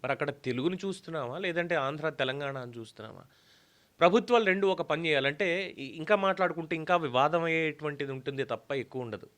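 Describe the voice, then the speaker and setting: A man's voice: on the high side, animated, fast talker, a bit bright. A man delivering an opinion commentary, arguing emphatically with rhetorical questions. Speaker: political commentator.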